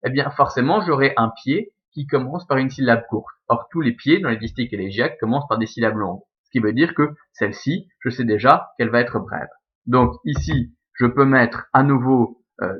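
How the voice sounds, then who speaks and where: A man with a Belgian French accent talks through a lesson at a middle pitch, patient and methodical. He fills his sentences with small hesitations and corrects himself as he goes. The recording sounds slightly dull and lo-fi. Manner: patient, methodical, with frequent fillers and self-corrections. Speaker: Latin teacher. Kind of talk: recorded lesson explaining verse scansion.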